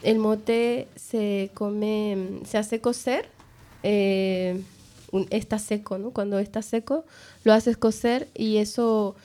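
A woman's voice: medium pitch, fairly even intonation, slow, warm tone. A woman with a Bolivian accent in a casual round-table chat, hesitant with many fillers.

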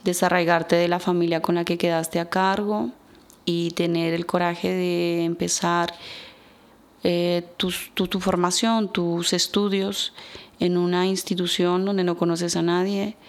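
A woman in her thirties with an Ecuadorian Spanish accent, a radio guest telling her story in a slow, reflective way. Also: on the low side, flat delivery. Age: 30s. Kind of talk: personal testimony in a radio interview.

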